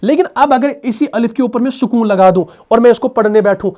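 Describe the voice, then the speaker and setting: Male recitation teacher, lesson delivery, answers his own questions, drills sounds slowly. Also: very high voice, mellow. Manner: asks rhetorical questions and answers them; drills sounds by slow repetition. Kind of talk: explanatory tajweed lesson.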